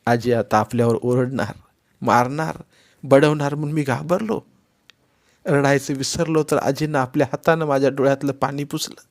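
A man reading a novel aloud in the first person, expressive and voicing each character himself. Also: mid-range voice, normal speed. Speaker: audiobook narrator.

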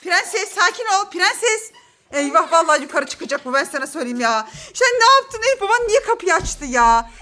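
High-pitched, excitable young woman vlogging. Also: moderate pace, slight background noise. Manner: excitable, laughing and squealing in fright. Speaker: mother and family vlogger. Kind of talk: casual family vlog. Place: indoors at home.

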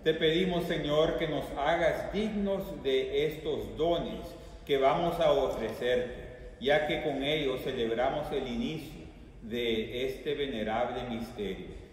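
A man leading the Mass prayers as a priest, reciting slowly and solemnly, with a cathedral echo. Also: medium pitch, a little hiss or hum. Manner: slow, solemn liturgical recitation. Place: large church. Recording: echoey church from far off.

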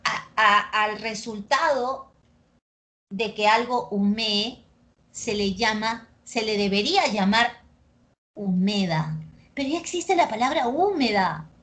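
Speaking a little high, a Peruvian woman leads an energetic pre-university language class, her Peruvian Spanish accent clear throughout. The lecture is recorded, and she regularly checks comprehension with short tag questions.

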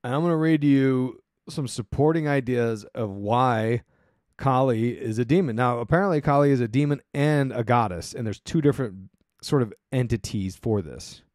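A man's voice: medium pitch, darkish tone, no echo, studio quality. A man hosting his own podcast, talking in a casual, rambling way with wry, sarcastic asides. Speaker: podcast host. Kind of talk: casual solo commentary.

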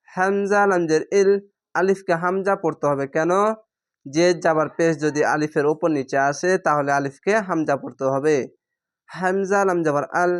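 A man leads a slow, methodical Quran reading lesson, breaking each word into letters and vowel marks before joining them. His voice sits a little high and comes across smooth and clear. He repeats each rule patiently for his students. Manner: patient, spells syllables letter by letter and repeats rules. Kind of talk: slow spelled-out recitation lesson.

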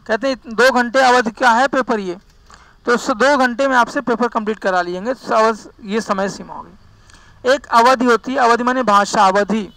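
A man teaches grammar in a chatty, folksy way. His voice sits very high and sounds bright and forceful, and it is recorded close and dry with no room sound. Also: no room sound, low-quality recording. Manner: chatty, folksy, drifts into dialect asides. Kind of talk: classroom lesson.

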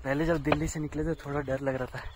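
A man vlogging outdoors while climbing a steep snowy trail, out of breath and talking slowly between breaths to his viewers. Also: a little high, flat delivery, noisy background. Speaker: travel vlogger. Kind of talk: casual vlog narration while trekking. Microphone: handheld camera while walking.

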